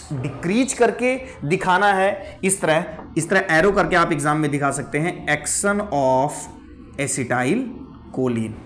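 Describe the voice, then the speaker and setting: A man's voice: on the high side, slight background noise. Male teacher quizzing, then answering himself. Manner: poses questions and answers them himself; mixes English terms into Hindi. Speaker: pharmacology teacher. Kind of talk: whiteboard lecture.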